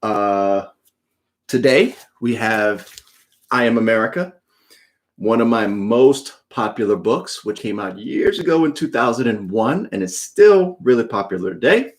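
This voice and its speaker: A man who writes children's books is doing a live read-aloud for viewers online, talking to them directly in a friendly, chatty way. His voice sits in the middle range and swings widely in pitch, and he takes his time.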